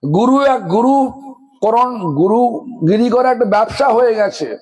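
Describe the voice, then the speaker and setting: A man's voice: extremely high pitch, expressive, normal speed, darkish tone, rough recording. A man with a Bengali accent giving a scolding sermon, asking the audience one rhetorical question after another. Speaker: guru giving a religious discourse.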